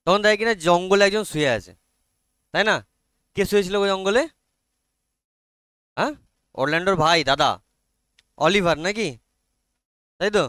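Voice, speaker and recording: A man with a Bengali accent teaches an online class, retelling a story in easy mixed Bengali and English. His voice sits a little high and comes across smooth and clear. The sound is close and dry, with no room around it. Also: fairly bright tone, dry recording. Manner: mixes Bengali with English and Hindi, asks students questions; reads English text aloud very slowly.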